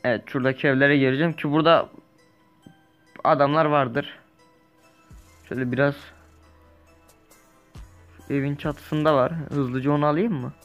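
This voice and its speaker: A young man casually commenting while he plays a survival game, rambling, correcting himself and breaking into lively bursts. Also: fairly high pitch, moderate pace, long pauses, lo-fi sound, faint music behind. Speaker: gaming YouTuber. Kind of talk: casual let's-play commentary.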